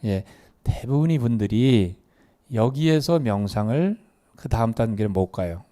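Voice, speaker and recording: A man's voice: mid-range voice, expressive, a little slow, mellow. A man lecturing a live meditation class, asking the audience questions and leading them through exercises. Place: meditation hall.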